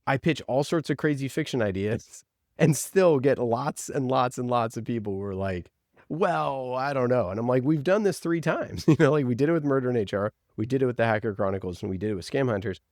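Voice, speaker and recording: In a mid-range, slightly mellow voice, a man talks fairly quickly, with clean studio sound and no room noise. Interviewed as a podcast producer, he tells casual, excited stories dotted with "like."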